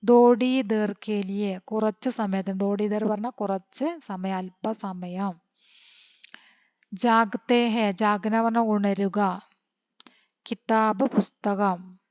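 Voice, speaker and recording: A woman from teaching an online lesson, reading text slowly and then quickly glossing words one by one. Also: medium pitch, fairly even intonation, a little mellow, no room sound. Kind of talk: online Hindi lesson explained in Malayalam. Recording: dull lo-fi sound.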